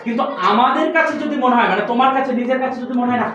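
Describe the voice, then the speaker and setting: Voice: high-pitched, rapid-fire, fairly bright tone, a little hiss or hum. A recitation teacher drilling a class of children on pronunciation, patiently asking the same questions over and over. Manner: patient, quizzes students with repeated questions. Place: classroom with benches. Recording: very echoey room, distant mic.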